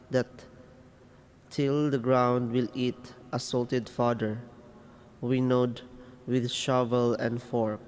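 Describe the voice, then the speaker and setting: A man of middle pitch reads scripture slowly and deliberately. His voice hangs in a long cathedral echo in a large church. The delivery is steady throughout. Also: smooth. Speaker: lector. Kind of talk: liturgical scripture reading.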